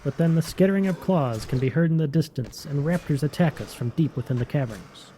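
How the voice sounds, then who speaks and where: A man's voice: on the high side, fairly quick, mellow, a little hiss or hum. A man narrating scripted fantasy game lore as a storyteller.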